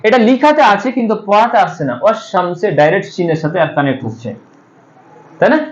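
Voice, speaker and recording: A man's voice: high-pitched, sing-song, fast. A man teaching an Arabic grammar class. He explains step by step, asks the students questions and answers them himself, with hesitant fillers while he thinks. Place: madrasa classroom. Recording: echoey room, dull lo-fi sound.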